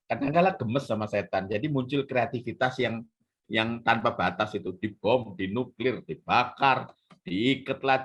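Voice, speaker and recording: A man teaching as a pastor in a relaxed conversational way, telling stories and acting out the voices in them. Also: lowish voice. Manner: animated storytelling, acts out quoted voices.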